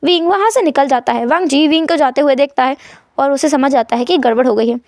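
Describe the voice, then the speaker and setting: A woman's voice: sits high, a little fast, no room sound, studio quality. A woman narrating a fan fiction story and acting out the quarrelling characters' dialogue herself.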